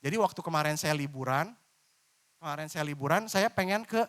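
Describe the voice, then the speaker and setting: A man preaching a lively, informal church sermon, from Indonesia. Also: on the high side, a little fast. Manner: lively, informal preaching with playful voiced examples. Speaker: pastor.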